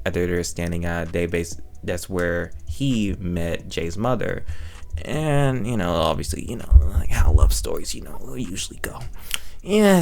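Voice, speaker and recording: Speaking in a low, creaky voice, this man hosts a review channel and offers loose, informal commentary full of slang. He wanders, repeats himself, and corrects himself mid-thought.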